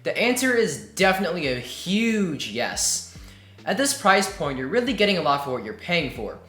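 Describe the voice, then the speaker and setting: A tech reviewer reads a scripted, upbeat product review into a desk USB condenser mic, sounding enthusiastic. His voice is high-pitched with big swings in pitch, pushed and bright, at a normal speed. The room adds an echo, and faint music plays underneath.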